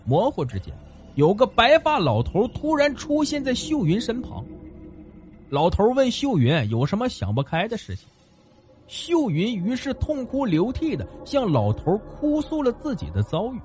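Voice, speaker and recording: Lively, high-voiced male storyteller. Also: moderate pace, faint music behind. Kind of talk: animated folk-tale narration.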